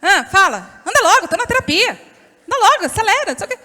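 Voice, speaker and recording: An impatient wife snaps at her husband on the phone, curt, loud and high-pitched, as a Brazilian woman puts her on. She rushes him along with short, brusque words. The long reverb of a church hall follows each phrase. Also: very animated, exaggerated voice. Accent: Brazilian Portuguese.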